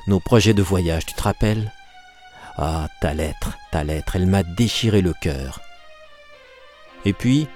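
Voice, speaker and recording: A bitter, pleading young woman pours out her reproaches in an impassioned storybook reading, voiced by a man. Her pitch sits well above the reader's own low voice and swings widely, with faint music under the reading. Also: a little mellow. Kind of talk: audiobook reading.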